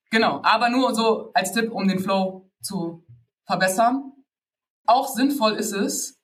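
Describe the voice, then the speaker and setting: A man's voice: high-pitched, fairly bright tone. A man giving a casual spoken lesson on rapping, loose and slangy, with many fillers and little laughs between points. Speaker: rap workshop teacher.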